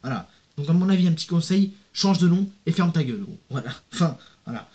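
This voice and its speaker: A young male YouTuber with a somewhat high, dark-toned voice talks fast and expressively in a casual vlog. He reads viewer comments aloud and answers them in a rambling, slangy way, addressing the viewer directly. The lo-fi recording sounds dull.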